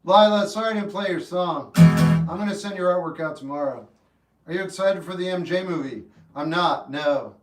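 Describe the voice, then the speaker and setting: A man in his fifties hosting a livestream, chatting casually with viewers in a relaxed, rambling way that turns earnest when he gives advice. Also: high-pitched, moderate pace. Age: 50s. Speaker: livestream host. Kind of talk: casual chat answering live chat. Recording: roomy echo, mic at a distance, faint guitar music.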